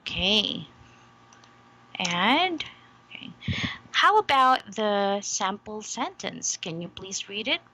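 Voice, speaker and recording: Slow, bright-voiced woman teaching English. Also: mid-range voice, expressive, a little hiss or hum, poor audio. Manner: patient, slow, frequent "okay?" checks. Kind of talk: demo English lesson.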